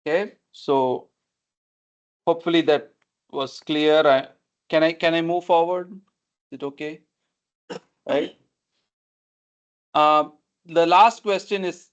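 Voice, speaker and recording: Higher-voiced male lecturer on a video call. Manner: didactic, repeats and checks understanding. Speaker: lecturer teaching numerical methods. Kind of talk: explanatory online class, questioning students. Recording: dull, lo-fi online meeting audio.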